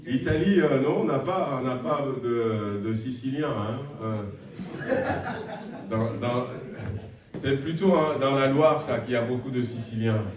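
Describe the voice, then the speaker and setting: The congregation hears announcements from a man speaking at medium pitch and a measured pace, friendly yet hesitant and full of filler sounds. Crowd noise fills the large indoor church hall, and the distant recording is very echoey.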